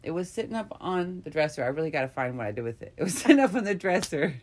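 A woman co-hosting a podcast, telling a story in frank, profane, animated casual chat. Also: deep voice, fast talker, slight background noise. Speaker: podcast co-host.

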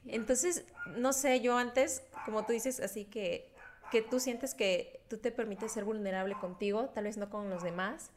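Young Mexican woman podcast host, candid storyteller, bit high-pitched, quick to laugh. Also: fairly even intonation, a little hiss or hum. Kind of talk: casual chat.

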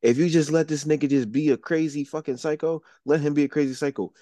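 A man's voice: fairly high pitch, fairly even intonation, quick pace, mellow, no room sound. Blunt profane man, casual podcast talk. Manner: blunt, profane, argues as devil's advocate. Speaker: podcast co-host. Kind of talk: casual chat.

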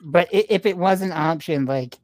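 A man guesting on a casual podcast, cracking dry deadpan jokes. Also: fairly high pitch. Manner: slow, dry deadpan humor. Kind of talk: casual crude banter.

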